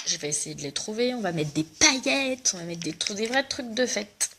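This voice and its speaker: A woman's voice: mid-range voice, lively intonation, normal speed, heavy background noise. A young woman with a cough, chatting casually and joking at her own expense while doing a makeup tutorial. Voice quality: joking, self-mocking, chatty. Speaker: makeup vlogger selling cosmetics.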